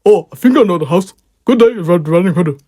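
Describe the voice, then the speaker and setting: A woman's voice: fairly low pitch, animated, a little fast. A woman voicing a sly, scheming wolf. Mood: sly friendly. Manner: falsely gentle and sly. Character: cruel, greedy, scheming male wolf.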